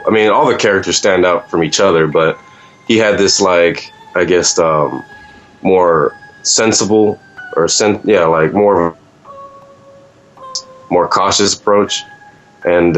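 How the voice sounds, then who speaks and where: A man's voice: low voice, slow pace, faint music behind. A man, a voice actor, chatting casually in an interview, laid-back and rambling with lots of fillers. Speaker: voice actor, guest.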